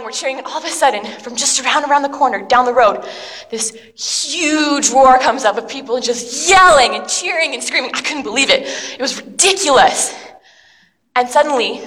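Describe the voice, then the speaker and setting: Performing a dramatic monologue, a woman plays an excitable, self-doubting young city dweller, rushing breathlessly through the story with slangy fillers. Her voice sits high, and the recording carries the long reverb of a large hall.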